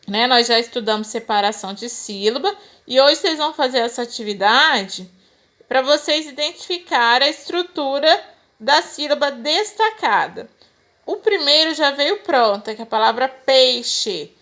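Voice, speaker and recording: A woman's voice: high-pitched, animated, moderate pace, fairly bright tone. A Brazilian woman teacher explaining a lesson to children patiently, step by step. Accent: Brazilian Portuguese. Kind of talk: recorded remote lesson for children.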